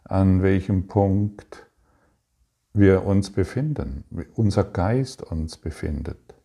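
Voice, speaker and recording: A man giving a calm, reflective spiritual talk, speaking slowly with pauses and restarts. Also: deep voice, gravelly, breathy edge. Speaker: spiritual teacher.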